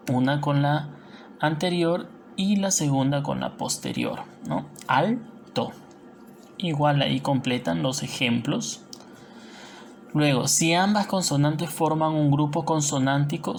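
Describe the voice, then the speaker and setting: A woman's voice: sits low, gravelly, a little mellow, a little hiss or hum. A woman teacher with a Peruvian Spanish accent explains a lesson patiently, often checking in with tag questions. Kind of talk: recorded classroom lesson.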